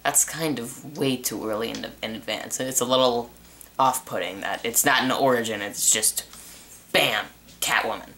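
A man's voice: mid-range voice, normal speed, sharp tone, slight background noise. A young man giving a casual spoken review of a TV season, rambling with restarts and fillers. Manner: rambling, repeats himself with many restarts and uh fillers. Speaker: TV show reviewer.

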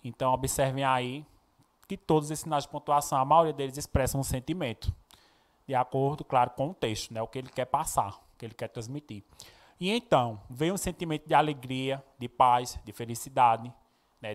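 A man with a Brazilian accent from the Northeast, speaking at a middling pitch as he teaches a recorded Portuguese lesson. He explains patiently and often checks in with his students. He reads poems aloud with expressive intonation. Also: brisk. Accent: Brazilian Portuguese, Pernambuco. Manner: explanatory, frequent tag questions, expressive when reading poems. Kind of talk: recorded classroom lesson with poem readings.

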